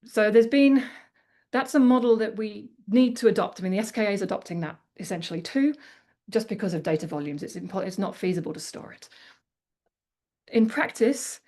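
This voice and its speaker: A woman's voice: mid-range voice, lively intonation, fairly quick, warm tone. A woman with an Australian accent giving a conference talk, then chatting candidly with many casual fillers. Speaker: conference speaker.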